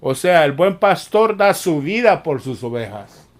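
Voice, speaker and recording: A man preaching a sermon, repeating himself and saying "amén" often, growing forceful when he scolds. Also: on the high side, very animated. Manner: slow, repetitive preaching with frequent "amén" and "mire".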